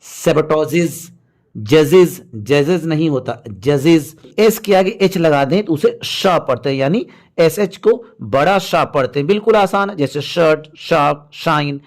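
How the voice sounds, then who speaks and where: A man teaching English pronunciation in a patient, explanatory way, slowly drilling word lists and correcting common mistakes. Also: fairly high pitch. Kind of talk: explanatory lesson.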